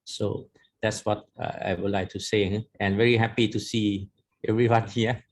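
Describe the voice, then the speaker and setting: A man giving informal opening remarks in an online meeting, speaking in halting, hesitant phrases. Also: fairly low pitch, level tone.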